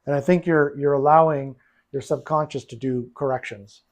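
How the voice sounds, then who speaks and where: A billiards coach with a medium-pitched, steady voice talks at a moderate pace in a one-on-one coaching session. At the pool table, he patiently explains and repeats phrases for his student.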